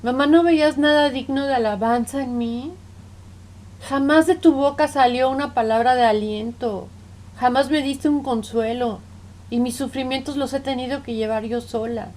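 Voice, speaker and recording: A woman's voice: sits high, fairly even intonation, moderate pace, a little mellow, close to an everyday voice. A woman speaking as a middle-aged counseling patient who reproaches her parents, pleading and repeating "mom" between accusations. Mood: reproachful.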